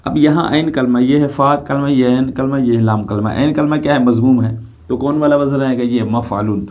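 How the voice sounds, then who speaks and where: Male teacher, middle-aged, warm low-toned delivery; patient lecture style, repeats key terms, frequent rhetorical check questions. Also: normal speed, highs cut off. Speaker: Arabic grammar teacher. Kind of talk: classroom lecture explaining grammar.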